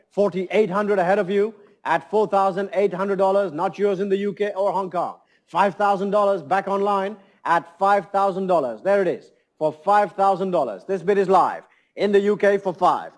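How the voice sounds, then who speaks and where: High-voiced male fine art auctioneer. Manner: polished, courteous, repeats prices in a steady patter. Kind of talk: live fine art auction calling, running bids and prices. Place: saleroom with seated bidders and phone lines.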